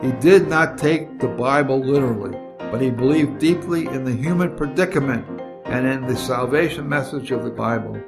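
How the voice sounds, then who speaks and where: A man's voice: medium pitch, gravelly, over music. Older man reading his memoir. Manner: measured, reflective reading. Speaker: narrator of his own memoir. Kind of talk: scripted memoir narration.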